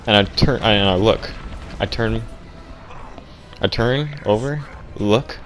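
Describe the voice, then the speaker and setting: A young male vlogger with a very low voice tells a ridiculous story in a deadpan, flat manner. He rambles and halts, full of fillers, restarting sentences often, over a faint ambient hum.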